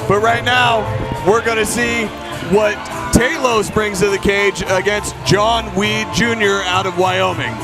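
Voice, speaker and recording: An enthusiastic male fight commentator with a very high voice for a man. He talks conversationally and upbeat, as live coverage, with music clearly playing behind him. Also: steady tone, unhurried, crowd noise, poor audio. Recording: loud music and noise behind the voice.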